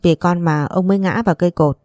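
A woman's voice: fairly low pitch, steady tone, fast talker, dark tone, dry recording, clean studio sound, close to an everyday voice. A woman voicing a humble young mother who pleads and apologizes. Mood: pleading.

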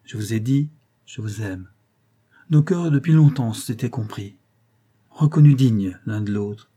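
Man voicing a noble young princess, solemn, declamatory, mellow tone, husky edge, audiobook. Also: fairly low pitch, measured pace. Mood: earnest. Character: proud loving young princess in hiding. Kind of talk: audiobook reading.

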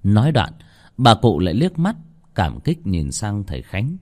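A man narrating a horror story with dramatic, expressive delivery. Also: fairly low pitch, measured pace.

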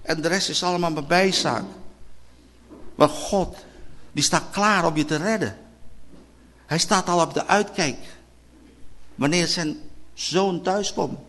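A man with a Dutch accent preaching a sermon, addressing brothers and sisters, repeating key phrases and swinging between loud declarations and quiet, low passages. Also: unhurried, long pauses, slight background noise.

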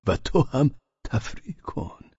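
A man reading an audiobook, voicing a feeble, good-natured old man who speaks slowly and faintly. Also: dark tone, no echo, close to an everyday voice. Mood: contented. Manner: slow, faint, wavering delivery. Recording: dull lo-fi sound.

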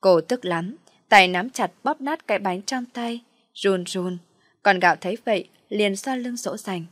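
A woman's voice: mid-range voice, measured pace, dry recording. Woman narrating a story, dry sound.

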